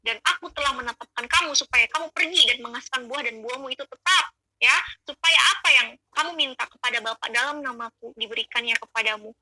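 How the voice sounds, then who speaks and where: A woman's voice: sits high, fast talker, bright, forceful tone, no echo, poor audio. A woman giving an earnest, emotional spoken testimony of her conversion, addressing listeners as friends.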